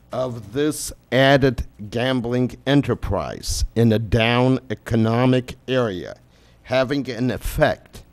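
An older man reading a prepared public comment at a city council podium microphone in a measured way. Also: medium pitch, a little mellow.

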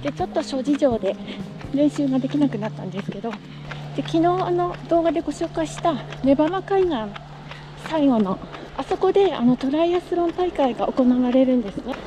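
A young woman narrates her own morning run into a camera strapped to her body, chatting easily and laughing often. Her voice is notably high. Music plays clearly beneath her words. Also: lively intonation, brisk. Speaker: vlogger. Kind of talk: casual running vlog narration. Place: outdoors on a country road while running.

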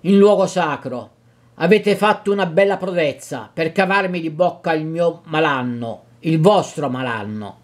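A fearful old village priest, as a male reader puts him on, fretting and stammering as he pleads and scolds in a dramatic novel reading. The voice sits somewhat high for a man.

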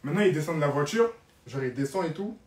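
A man's voice: fairly high pitch, expressive, quick pace, darkish tone. Dramatic young man telling a story, roomy and distant. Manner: dramatic, repeats phrases for emphasis. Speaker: live streamer telling a story. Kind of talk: animated storytelling.

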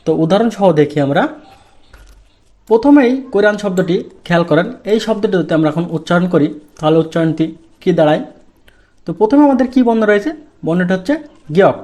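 Teacher, male, high voice; walks through sounds one by one, quizzing and answering himself. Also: expressive, a little mellow. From Bangladesh. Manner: asks the class questions and answers them himself; drawn-out, deliberate stress on key sounds. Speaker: Korean language teacher. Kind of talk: step-by-step pronunciation lesson.

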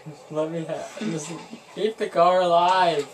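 A man's voice: fairly high pitch, steady tone, unhurried. A young man in casual, sweary gaming banter, complaining in exasperation from a couch indoors. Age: teens or young adult. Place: small room indoors on a couch. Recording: noisy, distant room recording.

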